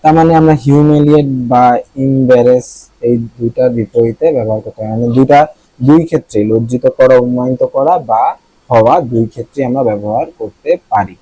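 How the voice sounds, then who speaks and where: A man from Bangladesh teaching vocabulary in an easygoing way, stopping to check pronunciations and joke with his viewers. His voice is mellow and a little husky. The sound is dry and close, with almost no room around it. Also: medium pitch, moderate pace, dry recording, poor audio. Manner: thinks aloud, checks pronunciations, jokes. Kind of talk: casual vocabulary lesson.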